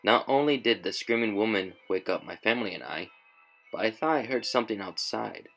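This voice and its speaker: A man voicing a frightened male neighbor and father, talking anxiously and breaking into panicked shouts. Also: fairly low pitch, expressive, brisk, vocal fry, soft background music, full character voice. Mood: worried.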